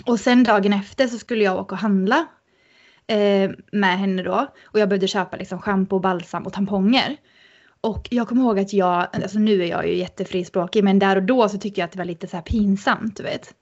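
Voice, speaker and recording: A woman guest on a podcast, telling a story in an animated, casual way with many fillers. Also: mid-range voice, lo-fi sound.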